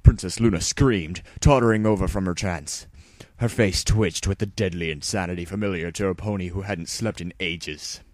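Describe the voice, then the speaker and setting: Hardly pausing, this low-pitched man delivers dramatic scripted narration at a moderate pace, playing a fan fiction narrator who parodies audiobook readers. His tone is a little mellow, and there's no echo.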